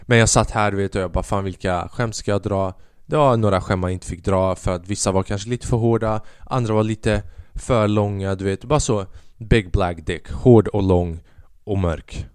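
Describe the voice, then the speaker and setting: A young man hosting a podcast, telling a long story in a rambling, self-mocking way and acting out quotes in a higher voice. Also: few pauses, clear, resonant tone, dry recording, clean studio sound. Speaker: podcast host. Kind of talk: casual storytelling monologue.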